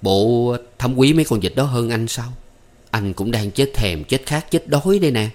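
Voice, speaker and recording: A man's voice: mid-range voice, expressive, moderate pace, a little mellow, lightly acted. A man reading a story aloud, voicing an eager, coaxing young master. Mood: insistent. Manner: coaxing, insistent, playful. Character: young rich man, eager, teasing suitor. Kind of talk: audiobook character voice.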